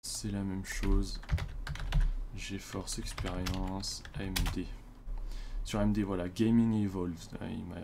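Chatty French man with low voice. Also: darkish tone, a little hiss or hum. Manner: chatty, loose, many fillers and self-corrections. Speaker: tutorial presenter. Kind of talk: casual screen-recorded tutorial.

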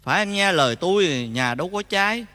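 A man's voice: high-pitched, animated, brisk, no echo. A man playing a comic older family friend who chides and lectures, in Vietnamese folk opera acting. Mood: lecturing. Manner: chiding and lecturing, half sung. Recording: loud instrumental music behind.

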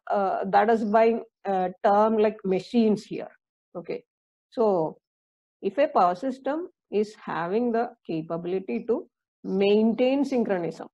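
A woman lecturer with an Indian English accent giving a recorded engineering lesson, explaining slowly, with many fillers and repeats. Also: mid-range voice, creaky, dark tone, dull audio.

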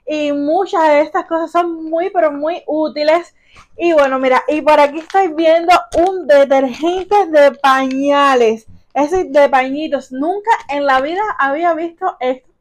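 A woman's voice: high voice, a little slow. A young Cuban woman with a Cuban accent vlogging at home as she unboxes gifts, gushing and exclaiming as she keeps calling her viewers family. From Cuba. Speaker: vlogger, mother. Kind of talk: casual unboxing vlog.

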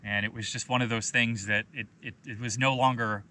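A man in his thirties, a hiking vlogger, telling a personal story in a relaxed, conversational way and often saying "you know". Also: medium pitch, a little fast, heavy background noise. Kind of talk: casual storytelling to camera.

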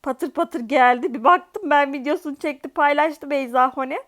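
A woman's voice: high-pitched, normal speed. A young woman with a Turkish accent giving casual commentary on a mobile game, dramatic, pleading and exclaiming as she spends in-game currency. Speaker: gaming YouTuber.

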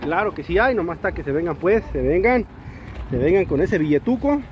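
A Mexican man with a fairly high, brisk voice strolls through an open-air used-car lot, talking up each vehicle in energetic, slang-filled sales chatter as he shows the cars off. It's shot on a handheld camera, so clear street noise comes through and the high frequencies are cut off.

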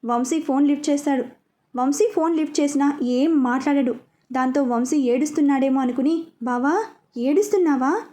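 Woman storyteller, high voice, mellow dark tone, steady scripted narration. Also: a little fast.

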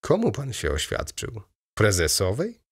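A man's voice: on the low side, wildly swooping pitch, unhurried, creaky, breathy edge, full character voice. A man reading an audiobook voices a weary, brooding middle-aged merchant with restrained, terse replies.

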